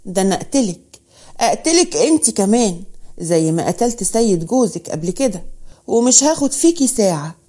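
A woman's voice: medium pitch, sing-song, brisk, warm tone. A woman voicing a cold, menacing man, contemptuous and threatening in a storybook drama.

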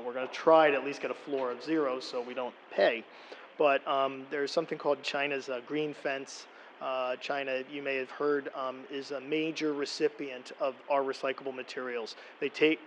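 A middle-aged man speaks at a podium microphone in a council meeting room, walking the council through figures in a plain explanatory way. His delivery is fairly flat in pitch, with frequent ums and restarts. Faint room ambience sits behind him. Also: a little hiss or hum, rough recording. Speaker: borough official presenting to council. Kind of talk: public meeting presentation.

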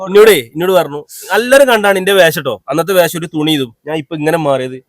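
A man, a guest telling a story in a casual interview, excitable and repeating himself. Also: fairly high pitch, fast talker, no echo, studio quality.

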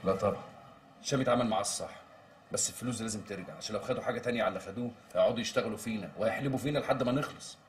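An actor playing an Egyptian man who is brisk and commanding with his friends and tender with his partner. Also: on the low side, natural voice. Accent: Egyptian Arabic. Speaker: gang leader. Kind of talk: TV drama acting. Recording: distant mic, heavy background noise.

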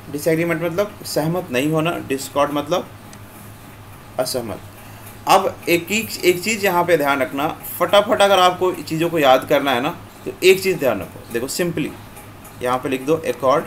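A man teaching English vocabulary in an online class, explaining slowly and repeating "theek hai" after nearly every phrase. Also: a little high, a bit bright. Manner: slow, repetitive explaining, mixing Hindi and English. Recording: faint background noise.

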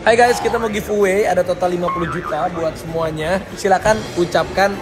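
Male vlog host, high and upbeat, pitching a giveaway over loud music. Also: steady tone, fairly quick. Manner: upbeat, urging viewers. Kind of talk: casual chat and giveaway announcement.

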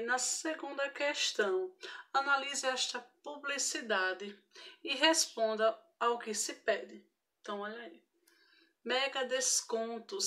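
A woman's voice: fairly high pitch, a bit bright. A woman with a Brazilian accent, teaching an online grammar lesson to primary school children, patient and careful, checking in often with short tag questions. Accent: Brazilian Portuguese. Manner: patient, frequent tag questions, spells out each example.

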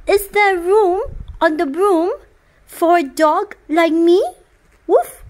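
A woman's voice: extremely high pitch, slow, pitched above the performer's own voice. A woman voicing an eager, friendly male dog in a children's storybook reading. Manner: bright and keen, barks.

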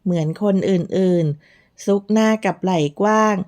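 A woman narrating a romance novel aloud from a script. She reads slowly and evenly, at a measured pace. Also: mid-range voice, darkish tone. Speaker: audiobook narrator.

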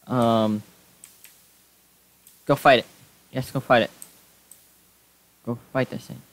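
Young guy narrating his game, mid-pitched voice, gets jumpy and yells when stuff attacks him. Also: takes it slowly, dry recording. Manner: excitable, yelps and shouts when startled. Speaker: Minecraft YouTuber. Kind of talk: casual gameplay commentary.

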